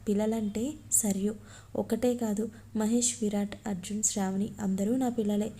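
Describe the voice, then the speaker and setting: A woman reading a love story aloud, naming each speaker before their line in a flat, even voice. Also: medium pitch, moderate pace, husky.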